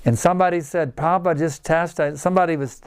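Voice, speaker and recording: A man's voice: a little high, steady tone, quick pace, clear, resonant tone. An older man giving a devotional lecture to a small group, earnest and emphatic, repeating words for stress. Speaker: spiritual teacher giving a lecture.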